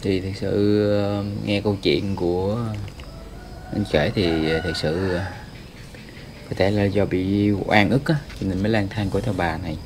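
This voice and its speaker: Casting note: low-pitched man, vlog host, earnest coaxing, noisy recording. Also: steady tone, unhurried. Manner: earnest, gently persuading. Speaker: ghost-hunting vlog host. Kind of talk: talking to a spirit.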